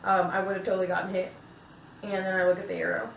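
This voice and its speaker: A woman's voice: mid-range voice, little pitch movement, quick pace, gravelly, muffled recording. A chatty, giggly woman playing in a tabletop game. She sits away from the microphone, so she sounds distant, and the room echoes around her over faint ambient noise. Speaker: player.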